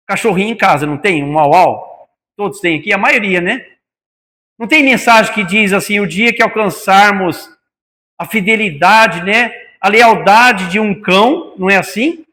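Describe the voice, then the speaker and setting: Brazilian man, high voice, spiritist lecture, rhetorical questions to the audience, long hall reverb. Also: bright, forceful tone. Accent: Brazilian Portuguese. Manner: addresses listeners as brothers, many rhetorical questions. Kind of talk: spiritist talk to a live audience. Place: meeting hall of a spiritist center.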